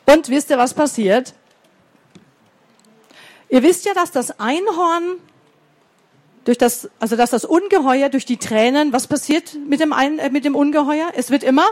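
A woman reading a fairy tale aloud to children in a slow, expressive way, pausing to ask them questions. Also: sits high. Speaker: storyteller for children.

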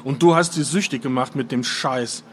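A man's voice: medium pitch, normal speed, a little hiss or hum, close to an everyday voice. A man voicing a bitter young man confronting his father, in a curt, biting manner.

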